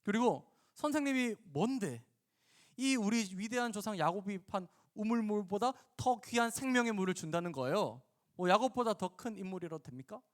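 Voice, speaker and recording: A man voicing a sharp-tongued, guarded Samaritan woman who retorts defiantly. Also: medium pitch, monotone, quick pace, creaky, hardly any pauses, voice pushed down. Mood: snappish.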